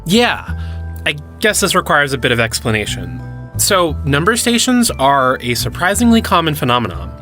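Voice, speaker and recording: A man's voice: fairly high pitch, big pitch swings, normal speed, pushed and bright, faint music behind. An actor playing an enthusiastic young male cryptid hunter who explains things eagerly in an audio drama. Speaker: lead character.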